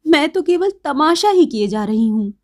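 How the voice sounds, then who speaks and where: A woman's voice: sits high, big pitch swings, normal speed, a little mellow, voice pushed up. A woman voicing a proud young woman with a raised, emphatic delivery in a read-aloud story. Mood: teasing. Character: proud young woman, teasing then pleading.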